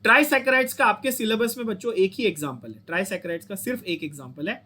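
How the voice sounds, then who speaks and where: A man's voice: high-pitched, lively intonation, fast, pushed and bright. A young Indian man teaching a chemistry lecture, coaxing his students, repeating points and asking them to say them back. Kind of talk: online lecture.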